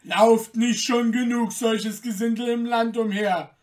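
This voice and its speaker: A man voicing a band of gruff old gate guards who shout, scold and mock, recorded a little off the mic. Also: extremely high pitch, a little slow, recorded from a distance, pitched above the performer's own voice. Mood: scornful. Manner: loud, scolding, mocking.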